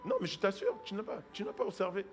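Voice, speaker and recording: Preaching fast in a high-pitched, sing-song voice, this pastor shifts between quiet asides and loud exhortation. He acts out people's excuses in quoted voices and breaks into praying in tongues, with faint music playing behind him.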